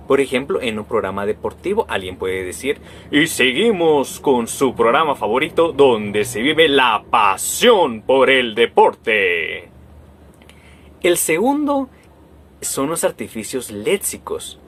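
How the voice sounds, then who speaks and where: A man's voice: medium pitch, slight background noise. A young man with a Guatemalan accent, a university student giving a class presentation and stressing key words as he explains. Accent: Guatemalan Spanish. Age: young adult.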